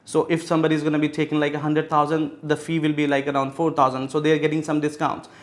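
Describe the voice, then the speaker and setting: Speaking fast and completely flat, a Pakistani real estate executive in his thirties answers an interviewer's questions. His voice sits on the high side, and his answers are peppered with fillers and false starts.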